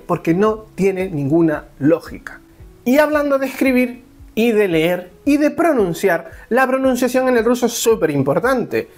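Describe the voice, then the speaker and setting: A man from Spain, talking casually to camera as a vlogger, animated and jokey with big swings in his voice. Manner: animated, with big pitch swings and joking asides. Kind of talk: casual explanatory vlog.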